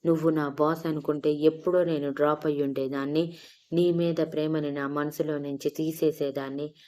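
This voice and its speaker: A woman's voice: sits low, level tone, normal speed, mellow, close to an everyday voice. A woman voicing a young woman in love who pleads and scolds in an emotional way, in an audio story. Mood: reproachful.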